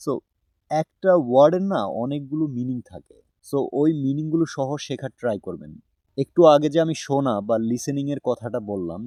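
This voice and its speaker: Relaxed young man teaching English. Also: medium pitch, no room sound, clean studio sound. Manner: relaxed and conversational, frequent "haan?" check-ins and "ah" fillers. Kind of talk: casual talk-through lesson.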